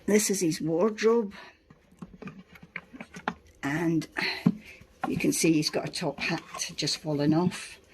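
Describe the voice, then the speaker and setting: Scottish woman calmly showing her dollhouse. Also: deep voice, slow pace, long pauses, a little hiss or hum. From Scotland. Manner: patient, explains details step by step. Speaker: dollhouse owner showing her miniature house. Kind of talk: casual show-and-tell chat.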